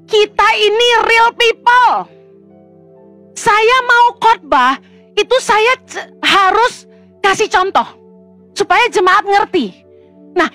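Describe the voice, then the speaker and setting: A middle-aged woman pastor, preaching a lively, colloquial sermon full of humorous stories. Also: extremely high pitch.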